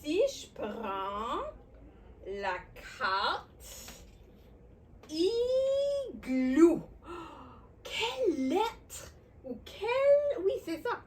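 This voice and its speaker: A woman with a Québécois accent, hosting a children's lesson on letters and sounds, talking warmly and encouragingly straight to the young viewer. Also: very high voice, recorded from a distance, a little hiss or hum. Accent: Québécois French. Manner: animated, encouraging, speaks directly to the child viewer. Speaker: children's educational host.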